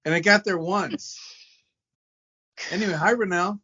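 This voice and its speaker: A man's voice: high-pitched, normal speed, sharp tone, breathy edge. A man joining a podcast as a guest over a video call, ribbing the hosts in an easygoing way. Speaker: guest guitarist. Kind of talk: casual chat. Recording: muffled lo-fi video call audio.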